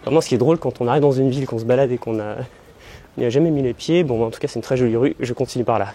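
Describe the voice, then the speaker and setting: A man's voice: mid-range voice, very fast, dark tone, slight background noise. A young man hosting a language-learning vlog, chatting in a loose, rambling way as he walks city streets with a handheld camera. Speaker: language-learning video host. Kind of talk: casual walking vlog. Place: outdoors, walking through city streets.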